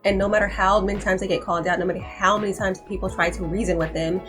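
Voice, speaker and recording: A woman's voice: mid-range voice, steady tone, quick pace, music in the background. A young woman hosting a commentary channel, talking in an emphatic, insistent way and repeating points for stress. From United States. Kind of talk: opinion commentary to camera.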